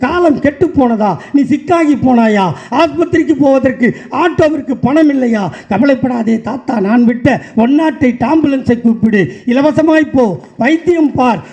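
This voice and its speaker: Male political speaker, high but mellow voice, delivers a stage speech in mocking rhythmic refrains, on a dull lo-fi recording. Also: moderate pace. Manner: rhythmic sarcastic refrains, rising to shouts.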